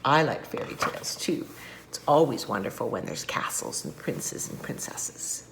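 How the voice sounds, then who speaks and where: A woman's voice: extremely low pitch, sing-song, normal speed, gravelly, noisy background, voice pushed down, full character voice. A woman doing a dreamy little puffball. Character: a small round puffball creature, dreamy and romantic. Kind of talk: storybook read-aloud voice.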